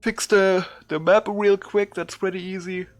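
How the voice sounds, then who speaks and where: A man with a high voice and flat delivery narrates a modded game at a measured pace. His YouTube commentary is casual and off the cuff.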